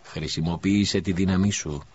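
A man voicing a guardian angel in an audiobook, speaking in a measured, firm, instructive way. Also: low voice, steady tone, a little mellow, breathy edge. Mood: questioning. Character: guardian angel, calm, stern, authoritative. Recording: dull lo-fi recording.

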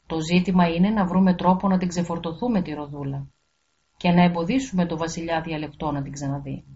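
Flustered weak king voiced by a woman narrator, defensive, low voice, muffled audio. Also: steady tone, warm tone, natural voice.

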